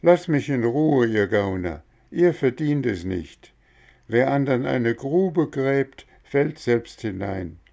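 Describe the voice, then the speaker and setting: A man's voice: medium pitch, animated, slow, darkish tone, voice pushed up. A man voicing a young wooden puppet boy who speaks firmly and lectures in proverbs, in a storybook reading. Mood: stern scolding. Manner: firm, scolding.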